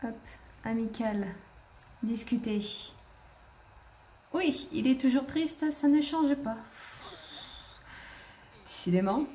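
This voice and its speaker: A woman's voice: a little high, animated, takes it slowly, pauses often, warm tone, slight background noise. A woman giving casual let's-play commentary, chatting to the characters on screen as she plays. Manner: chatty, talks to the game characters. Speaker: gaming video creator.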